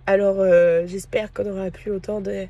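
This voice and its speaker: A woman from France talking casually to camera in a personal vlog, hesitant and full of pauses and fillers. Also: medium pitch, little pitch movement, warm tone, lo-fi sound. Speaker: vlogger.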